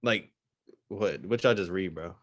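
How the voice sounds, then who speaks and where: A man's voice: low-pitched, unhurried, fairly bright tone. Crude, joking male podcast co-host. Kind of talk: casual, profane podcast banter.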